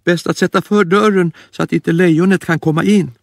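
Timid storybook rabbit, squeaky and fretful. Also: male voice, steady tone, vocal fry, no echo, clean studio sound. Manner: fearful, fretful. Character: timid, jittery young male rabbit. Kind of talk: storybook reading.

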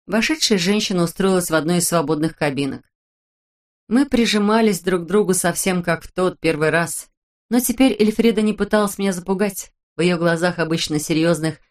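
A woman reading a first-person audiobook in a measured, reflective way. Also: on the low side. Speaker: audiobook narrator.

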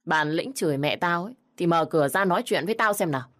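A woman's voice: on the low side, expressive, fast, close to an everyday voice. A woman voicing a violent, threatening young man in a storybook reading. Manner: threatening, shouting. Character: violent drugged young brother-in-law.

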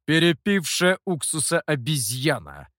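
A man reading as a cunning mentor who answers in a dry, measured, wry tone. The pitch sits a little raised, with a lively lilt, and the recording is close and dry. He remains composed even when he is accused. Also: no echo, exaggerated voice. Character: calm, dry, cunning male master, older mentor. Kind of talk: audiobook character voice.

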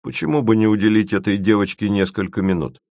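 A stern but restrained chief who weighs his words calmly, voiced by a man. The tone is very low and the recording is dry. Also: no room sound. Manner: restrained, measured. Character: calm, reserved, stern male flight chief. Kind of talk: audiobook reading.

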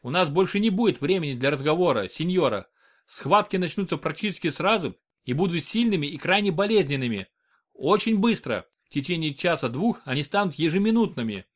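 A man's voice: a little high, lively intonation, a little fast, voice pushed up. A man voicing a huge, stern male doctor who barks curt orders. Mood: commanding.

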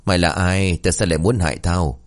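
A man's voice: deep voice, steady tone, fast, lightly acted. A man playing a brash, crude young ghost hunter who bosses and mocks. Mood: bossy. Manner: bossy, mocking, crude.

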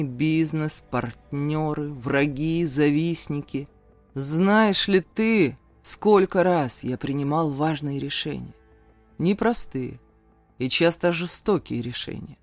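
An audiobook reader voicing a stern, powerful older father who speaks slowly and broodingly, then bursts into shouting. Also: mid-range voice, dry recording, soft background music, lightly acted. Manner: slow, brooding, erupts into shouting. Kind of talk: audiobook character voice.

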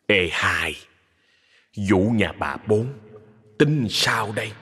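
A man's voice: on the low side, lively intonation, takes it slowly, pushed and bright, husky, long reverb tail, full character voice. A man voicing a worried young male ghost asking for advice. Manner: fretful.

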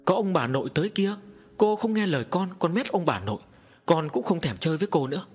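A man plays a small fretful boy in an audiobook tale, high and quick, his voice jumping about, with soft music under it. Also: lively intonation, husky. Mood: cross. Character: small boy, stubborn and pleading.

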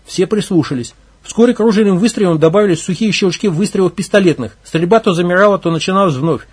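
A man narrating a story in a steady, plain reading voice. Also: high-pitched, quick pace, slightly rough. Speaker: audiobook reader.

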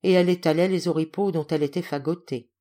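A woman reading a literary fairy tale aloud as an audiobook narrator, in an expressive, theatrical storytelling style. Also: fairly low pitch, fast. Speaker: audiobook reader.

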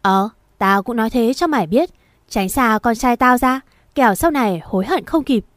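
A woman voicing a sharp-tongued middle-aged mother who scolds harshly and loudly. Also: fairly high pitch, expressive, moderate pace, dry recording, studio quality, close to an everyday voice. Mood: threatening.

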